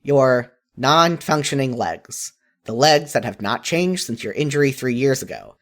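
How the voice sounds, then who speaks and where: Unhurried and mid-range, the narrator reads a second-person story with expressive flair, as if recording a fan fiction audiobook.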